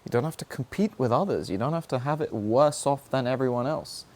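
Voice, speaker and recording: Speaking a little fast with lively intonation, this young man has a mid-range voice that's slightly mellow. His talk is a reflective, motivational monologue of personal reflection, earnest and searching, where he keeps asking himself questions about his struggles.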